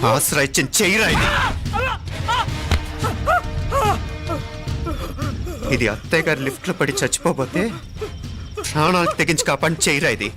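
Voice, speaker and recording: An actor playing the calm young hero of the house, who questions a servant in sharp, commanding lines. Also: male voice, fairly high pitch. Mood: stern. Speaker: son-in-law of the house. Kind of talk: film drama acting.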